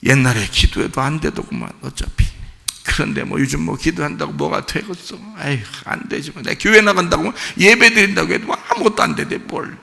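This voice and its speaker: A dejected man grumbles that nothing will ever work for him, as a preacher acts him out. His muttering is resigned and a little gravelly. It echoes with a long hall reverb. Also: high-pitched, sing-song, fairly quick, few pauses, pushed and bright, exaggerated voice. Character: dejected man, self-pitying and hopeless.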